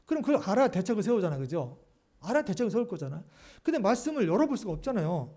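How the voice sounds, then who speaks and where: A man's voice: high voice, sing-song, rapid-fire, mellow. A male pastor preaching a sermon, speaking animatedly to the congregation and often asking rhetorical questions.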